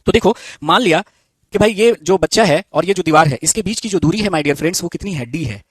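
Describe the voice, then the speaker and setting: A male teacher with a fairly high voice gives a physics lesson to students. He asks the class a question, answers it himself, and repeats each key term slowly. The sound is close and dry, with no room echo. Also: expressive, slightly rough. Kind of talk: live online physics lesson.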